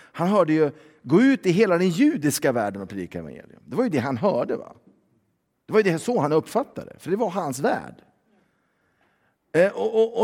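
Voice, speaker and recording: A man's voice: on the high side, a little mellow. Conversational male preacher in a reverberant hall. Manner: conversational, frequent fillers and tag questions. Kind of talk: sermon.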